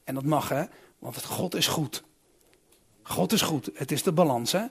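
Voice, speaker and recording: A man preaching a sermon who asks his listeners direct questions and swings between loud emphatic calls and quiet reflective asides. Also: on the high side, normal speed, slightly rough.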